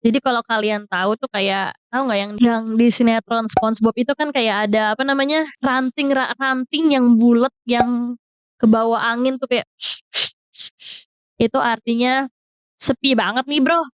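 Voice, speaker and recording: A woman's voice: fairly high pitch, fairly even intonation, normal speed, smooth, no room sound, muffled recording. A young woman telling a storytime in casual, slang-heavy chat, mixing English words in. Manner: chatty, mixes English into slang-heavy Jakarta speech. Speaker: vlogger.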